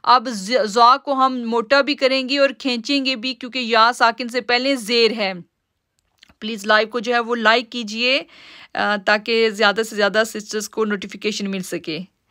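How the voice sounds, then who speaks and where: High, bright-voiced woman teaching recitation. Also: steady tone, no echo, studio quality. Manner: patient, step-by-step explaining, drawn-out slow recitation of words. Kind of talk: live-streamed tajweed lesson.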